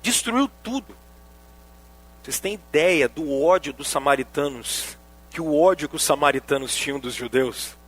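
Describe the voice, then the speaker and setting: A Brazilian man preaching a sermon as pastor, animated and joking, speaking straight to the congregation. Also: sits high.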